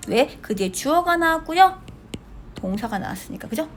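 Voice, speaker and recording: A woman's voice: high-pitched, sing-song, moderate pace, faint music behind. A woman teaching an English grammar lesson in a lecture style, asking the class questions and answering them herself, and checking for agreement after nearly every phrase.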